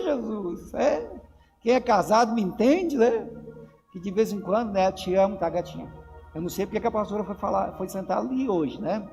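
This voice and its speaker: High-voiced Brazilian pastor preaching. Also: male voice, darkish tone. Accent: Brazilian Portuguese. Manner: emphatic preaching, calls out to the congregation. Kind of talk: lively Pentecostal sermon. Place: church sanctuary. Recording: church hall reverb with faint music.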